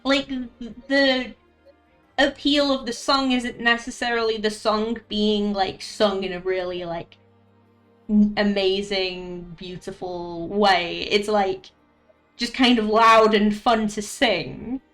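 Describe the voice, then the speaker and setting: A woman's voice: medium pitch, fairly even intonation, slow, fairly bright tone. A woman streaming a video game, chatting casually and thinking aloud as she plays. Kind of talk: casual chat while gaming. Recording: echoey room, distant from the mic. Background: game music.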